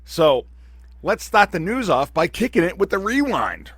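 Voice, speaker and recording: A man hosting a podcast in casual chat, joking and reacting quickly. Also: sits high, big pitch swings, fairly bright tone, slightly rough, no room sound. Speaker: podcast host.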